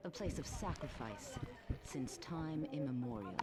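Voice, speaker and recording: A woman's voice: rumbling low, animated, a little slow, very noisy. An actress playing a solemn, menacing warrior woman in a sci-fi video game, speaking in a grave, formal, theatrical way. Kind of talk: dramatic video game voice acting. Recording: game audio under loud music.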